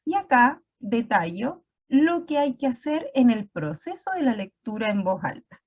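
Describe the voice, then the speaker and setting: A woman's voice: on the high side, sing-song, unhurried. A woman teacher giving an online class, explaining step by step and often checking in with her students.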